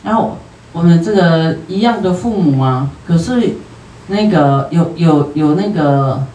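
A Buddhist teacher with a Taiwanese Mandarin accent lectures on a sutra, unhurried and homely, and dots every sentence with drawn-out particles. The voice sits some distance from the microphone in a roomy, echoing space with a faint hum of ambience behind it. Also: mid-range voice, lively intonation, warm tone. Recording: roomy hall, distant from the mic.

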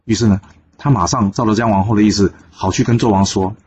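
A man hosting a storytelling channel, narrating a classical tale in a lively way and lightly voicing the characters in quotes. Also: on the low side, fast talker. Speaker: storyteller host. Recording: slightly dull recording with faint noise.

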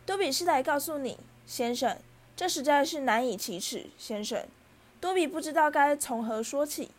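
Woman doing a shrill servile house-elf. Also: moderate pace, natural voice. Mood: tearful. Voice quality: high and shrill. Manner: humble, keeps saying sir. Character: small servile male house-elf, tearful and excitable. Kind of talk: storybook reading.

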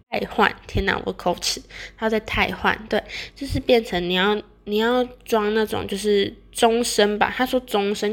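Chatty young Taiwanese woman with creaky voice. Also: medium pitch. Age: young adult. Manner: rambling, repeats words and corrects herself. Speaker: vlogger sharing personal experience. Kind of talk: casual chatty monologue to viewers.

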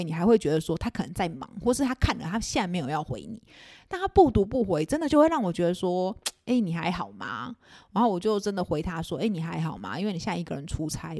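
A young adult woman with a Taiwanese Mandarin accent, hosting a podcast and telling a personal story in a casual, animated way with bursts of exasperation. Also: medium pitch, no echo, clean studio sound. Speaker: podcast host.

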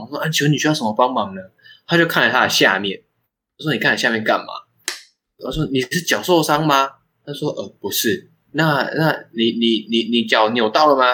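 This young podcast host has a Taiwanese Mandarin accent and a low-ish, pushed, bright voice, and he rambles fast through a casual story while laughing often. The low-quality recording carries slight background noise.

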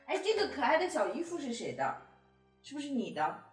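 Lively high-voiced woman coaxing a child. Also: brisk, music in the background. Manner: animated, coaxing, sing-song questions. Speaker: podcast host. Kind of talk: playful chat with a young child.

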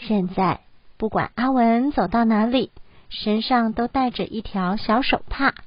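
Mother reading a picture book aloud, high-ish voice, very slow, dry muffled recording. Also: dry recording. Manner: slow, patient, clearly paced. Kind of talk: storybook reading for a child.

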